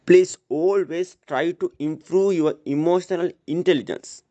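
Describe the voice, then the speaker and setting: A man giving a prepared motivational speech at a school assembly, speaking earnestly and deliberately, straight to his listeners. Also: a little high, mellow.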